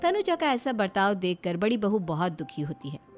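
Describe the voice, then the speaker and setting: A woman's voice: medium pitch, expressive, normal speed, soft background music. Woman narrating a cartoon story.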